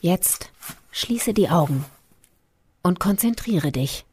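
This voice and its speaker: Calm young witch guide. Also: fairly low pitch, takes it slowly, slightly rough, dry recording, full character voice. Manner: calm, instructive, ominous. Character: secretive young woman teaching witchcraft, calm. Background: film score.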